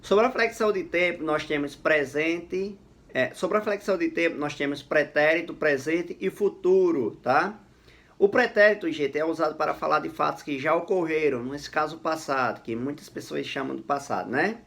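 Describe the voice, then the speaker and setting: A man teaching a grammar lesson on video, lively and emphatic, often checking in with his students. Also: a little high, moderate pace, creaky.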